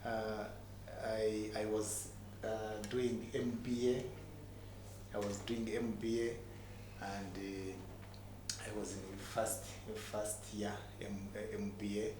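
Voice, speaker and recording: A middle-aged man with a Ugandan accent tells his personal story in a motivational way, haltingly, repeating words for emphasis. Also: lowish voice, little pitch movement. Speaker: entrepreneur guest telling his story. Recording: echoey room with clear background noise.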